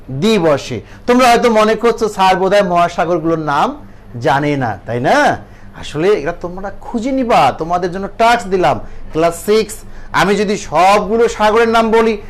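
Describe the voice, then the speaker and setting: A man with a Bangladeshi accent teaching an English grammar lesson to children, asking questions and answering them himself. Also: high voice. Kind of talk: classroom lesson.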